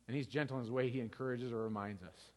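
A man's voice: medium pitch, fairly even intonation, fast, darkish tone, big-room sound. A pastor in his thirties giving a conversational sermon, often asking "right?" to the congregation. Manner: conversational, tag questions like "right?".

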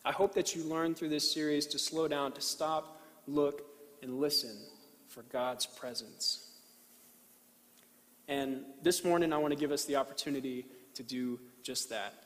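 A man preaching a sermon and reading scripture as a pastor, deliberately, with pauses and repeated phrases. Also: fairly high pitch, a bit bright. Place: large reverberant room, speaking to a congregation. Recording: reverberant hall.

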